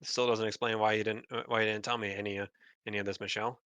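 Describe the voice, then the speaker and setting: A man's voice: lowish voice, level tone, fast, sharp tone, no echo, lo-fi sound. A man voicing a stern male airship captain who scolds bluntly. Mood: scolding.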